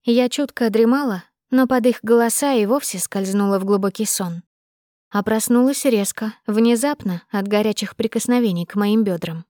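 A woman reading a first-person audiobook with expressive, measured storytelling. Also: fairly high pitch, dry recording, studio quality. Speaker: narrator.

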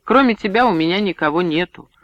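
A man reading an audiobook, voicing an awkward, torn young man of nineteen in a low, subdued way. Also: animated, quick pace, a bit bright, no echo, highs cut off.

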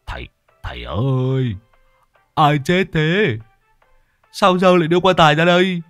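A man's voice: a little high, a little slow, clean tone, no echo, clean studio sound, faint music behind, voice pushed up. A man voicing a flustered village lout who stammers and blurts out his questions. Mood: alarmed. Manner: stammering, excitable.

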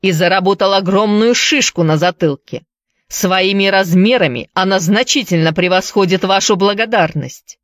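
A woman's voice: mid-range voice, moderate pace, dry recording, studio quality, lightly acted. A woman reading a story aloud, voicing a young male tavern keeper who speaks in a curt, defensive way.

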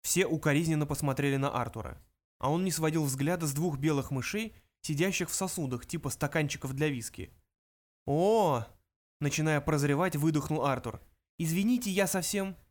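An audiobook narrator reading in an even, measured storytelling manner. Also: medium pitch. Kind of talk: scripted narration.

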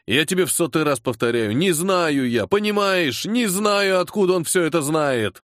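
A man voicing a tired, irritable colonel who heads a security service department, gruff and sarcastic with his subordinate. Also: fairly high pitch, sing-song, normal speed, no echo, studio quality. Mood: irritated. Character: weary irritable older male colonel, security service chief.

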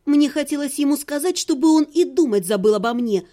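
A woman with a high voice reads a first-person audiobook. Her narration is even and expressive, in a storytelling style. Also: brisk.

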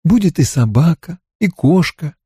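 A man's voice: on the high side, animated, a little slow, dark tone, husky, no echo, studio quality, pitched above the performer's own voice, heavily acted. A man reading an audiobook, voicing a tired farm mother who soothes yet stays firm. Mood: soothing, firm.

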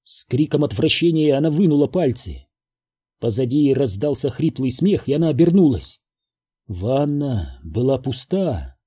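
A man's voice: medium pitch, sing-song, a little slow, mellow, husky. A man narrating a horror audiobook.

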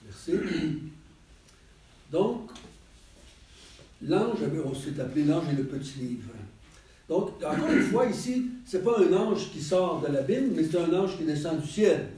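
A man's voice: fairly high pitch, lively intonation, unhurried, long pauses, warm tone. A man with a Quebec French accent leading a group Bible study in a chatty, digressive way, laughing often. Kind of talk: casual group Bible teaching. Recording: roomy echo, mic far off.

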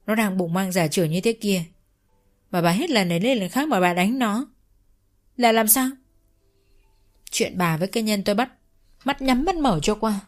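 A woman voicing an older father-in-law who berates his wife loudly in a read-aloud story. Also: mid-range voice, lively intonation, brisk, lightly acted. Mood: angry. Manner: shouting reproach. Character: older father-in-law, angry scolding husband.

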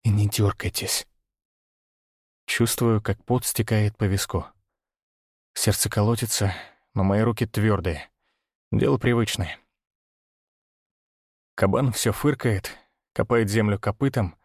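A man narrating a first-person story in a tense, hushed, steady manner. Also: lowish voice, unhurried, long pauses, breathy edge, no room sound, studio quality.

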